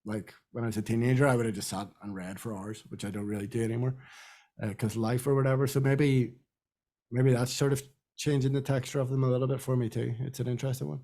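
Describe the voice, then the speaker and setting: A man's voice: medium pitch, flat delivery, quick pace, warm tone. A young man from Britain, a podcast co-host talking casually and rambling with many fillers. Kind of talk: casual chat.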